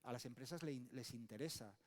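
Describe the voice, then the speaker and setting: A Spanish man from Spain, a book author, speaks at a conference panel in a conversational way, emphatic and listing his ideas one after another, often tacking on tag questions. His mid-range male voice is fast and a little mellow. The conference hall gives the recording a long reverb.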